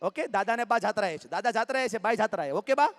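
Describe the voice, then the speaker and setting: Man, high voice, lively and coaxing, crowd banter, long hall reverb. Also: fast. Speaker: motivational speaker. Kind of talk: live motivational talk with audience interaction. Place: large hall with live audience.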